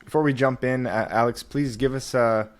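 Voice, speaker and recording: A man hosting a podcast, introducing a guest with many filler pauses. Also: medium pitch, steady tone. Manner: many filler "uh"s, halting delivery. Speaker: podcast host.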